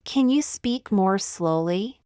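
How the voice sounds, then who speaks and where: A woman reading short everyday phrases one at a time for language learners, slow and deliberate. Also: mid-range voice, lively intonation, dark tone, smooth, no room sound, studio quality. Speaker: language teacher.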